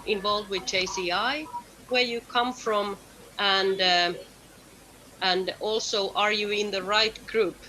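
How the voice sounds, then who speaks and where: A woman's voice: mid-range voice, pushed and bright, a little hiss or hum, low-quality recording. A woman facilitating an online meeting, friendly and laughing often as she coaxes people to speak. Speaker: session facilitator.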